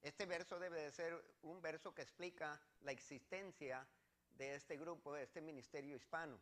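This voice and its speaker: A man's voice: a little high, fairly even intonation, moderate pace, fairly bright tone. A man from Mexico, preaching a sermon as pastor and reading scripture verses with earnest repetition.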